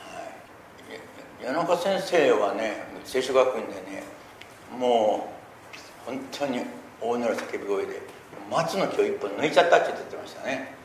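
A middle-aged man preaching a sermon, talking earnestly and swelling loudly on key points. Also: mid-range voice, lively intonation, moderate pace. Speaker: pastor. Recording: echoey room with faint noise.

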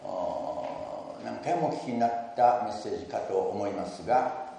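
Warm-voiced man preaching in an echoey church. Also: moderate pace, vocal fry. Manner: earnest, stresses key words with lifts in pitch and volume; leads the congregation in repeating a verse. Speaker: pastor. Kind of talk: sermon. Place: church sanctuary. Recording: echoey church hall, mic at a distance.

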